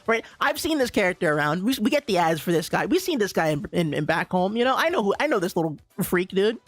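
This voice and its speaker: A young man from Bermuda streaming, ranting in an animated, casual way with lots of laughter. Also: sits high, fast talker, no echo, soft background music. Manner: animated ranting, laughs often, says "dude" a lot. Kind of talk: casual livestream chat.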